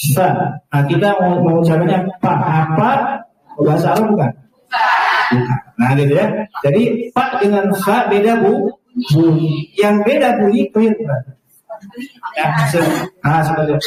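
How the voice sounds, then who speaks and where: A man teaching adults to recite the Quran, patiently asking the class questions and modeling the Arabic sounds for them to repeat. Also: sits high. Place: large echoey hall. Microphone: far from the mic. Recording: very echoey, distant hall recording.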